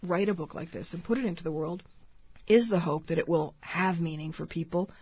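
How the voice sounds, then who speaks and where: Woman author guest, radio interview; husky and somewhat low, thoughtful, hesitant phrasing. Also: brisk, dry recording. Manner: thoughtful, many restarts and fillers. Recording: dull lo-fi radio sound.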